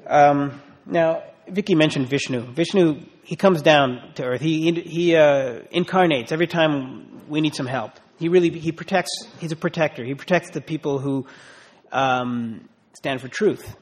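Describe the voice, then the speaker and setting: A man's voice: a little high, unhurried. A middle-aged man giving an informal talk, explaining an old story with many fillers and restarts. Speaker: guest speaker explaining a festival.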